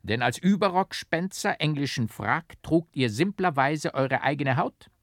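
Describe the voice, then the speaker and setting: A flamboyant, foolish barber, voiced by a man, swoops up into a high, squeaky register as he spins his flowery, mock-tragic speeches. The voice is close and dry, with no room around it, in the manner of an audiobook character. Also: expressive, unhurried, fairly bright tone, dry recording. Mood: grandiloquent. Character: foolish, flamboyant male barber, theatrical and whimsical.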